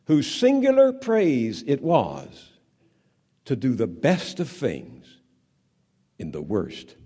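A journalist from the American South, now in his seventies, gives a deliberate, measured speech, letting his dramatic pauses trail off into a hushed, low tone.

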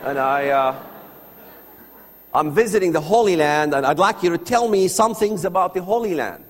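In this personal testimony talk, a man from the Palestinian territories whose first language is Arabic earnestly recounts his story to an audience, posing many rhetorical questions. He has a high-pitched, expressive voice at normal speed, in a big-room acoustic.

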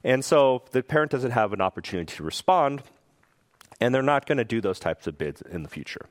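A man giving a public talk, explaining step by step and checking in with "okay?", now and then acting out parents and children in a sudden high voice. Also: sing-song, a little fast, no room sound. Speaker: speaker giving a research talk.

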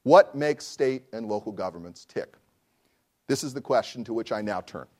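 A man's voice: on the low side, expressive, a little mellow. Erudite man delivering a formal academic lecture. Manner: erudite, formal, deliberate phrasing with rhetorical questions. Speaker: law professor giving a lecture. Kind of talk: formal academic lecture, read from a prepared text.

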